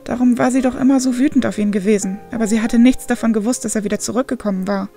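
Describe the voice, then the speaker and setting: A woman reading a story aloud in a calm, measured narrating voice. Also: on the high side, soft background music. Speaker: audiobook reader.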